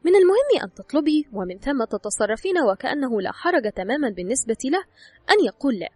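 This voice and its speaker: Brisk, breathy woman reading advice. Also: high-pitched, very animated, a little mellow, no echo, soft background music. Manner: instructive, addresses the listener directly. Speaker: audiobook narrator. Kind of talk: scripted narration of an advice book.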